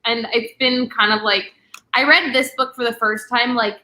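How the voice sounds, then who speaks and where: A young woman talks through a book on a casual livestream, rambling with plenty of "like"s. Her voice is bright and sits a little high. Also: fairly even intonation. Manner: chatty, many "like" fillers, quick asides. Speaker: booktube host.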